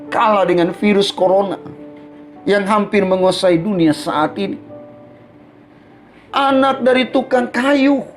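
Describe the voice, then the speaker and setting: High-voiced man preaching over soft guitar. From Central Sulawesi. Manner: storytelling, addresses listeners as brothers and sisters. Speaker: preacher on a morning devotional radio program. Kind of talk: radio sermon.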